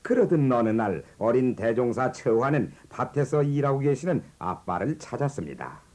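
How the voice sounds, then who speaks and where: A man narrating a children's animated biography in a gentle, measured storytelling manner. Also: mid-range voice. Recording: narration over background music.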